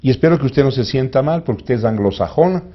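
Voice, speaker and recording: A man with an Ecuadorian accent hosts a radio interview in a studio, talking fast in an animated, medium-pitched voice, and the sound is lo-fi. He's emphatic and opinionated, leaning on rhetoric and repeating questions for effect.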